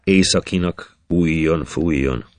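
A man's voice: a bass voice, dry recording. A man voicing a commanding mistress of the north, chanting her lines like a spell.

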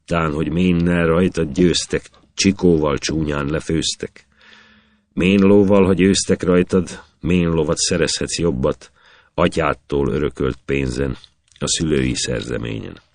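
A man's voice: rumbling low, fairly even intonation, slight background noise. A man voicing a worried old mother who keeps questioning her son, in rhythmic epic verse. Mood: anxious.

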